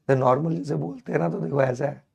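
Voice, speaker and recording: A hoarse man teaching chemistry in a live online class, playful and coaxing as he works through problems with his students. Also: on the high side, moderate pace, darkish tone. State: hoarse, strained throat.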